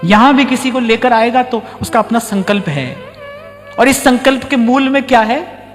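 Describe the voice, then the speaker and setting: A man giving a devotional sermon in a conversational, teaching manner, repeating key lines for emphasis and slowing down on important words. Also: very high-pitched. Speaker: spiritual teacher giving a discourse. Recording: reverberant hall with faint music.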